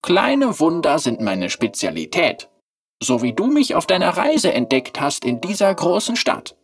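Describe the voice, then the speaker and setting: A narrator playing Fiyerem, a shy and charming porcelain clockwork boy who speaks slowly and softly in a storybook reading. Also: medium pitch, huge pitch swings, far from the mic, voice pushed up.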